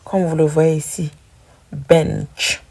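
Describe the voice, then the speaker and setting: Slow, gravelly-voiced woman teaching pronunciation. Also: sits low, dark tone. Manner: slow, patient, repeating sounds for drilling. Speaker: English teacher. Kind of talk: pronunciation lesson.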